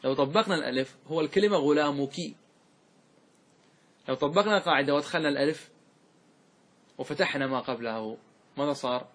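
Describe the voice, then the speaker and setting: A man with a slightly high, husky voice lectures on grammar to a class. He quizzes his students again and again, repeats each key point, and stretches the example words out syllable by syllable. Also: brisk, long pauses, fairly bright tone. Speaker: Arabic grammar teacher.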